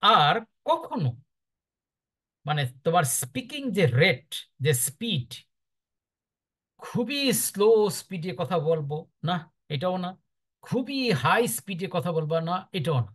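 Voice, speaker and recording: A man's voice: high voice, unhurried. A man with a Bangladeshi accent, a teacher giving firm, emphatic advice to his students in a lecture. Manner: firm, instructive, lively emphatic delivery.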